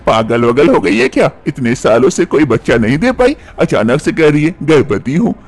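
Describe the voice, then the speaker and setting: A man plays a bossy older mother-in-law in a cartoon story, scolding and nagging. The voice sits a little high and moves lively through each line. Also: moderate pace.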